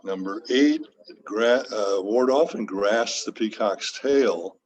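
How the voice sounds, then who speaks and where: A man teaching tai chi, patiently cueing movements step by step with frequent pauses. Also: on the low side, slight background noise. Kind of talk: guided movement instruction.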